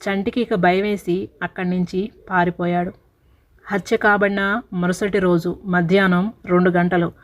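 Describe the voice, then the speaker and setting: A woman's voice: fairly low pitch, little pitch movement, measured pace. A woman narrating a story in a dramatic, sorrowful voice.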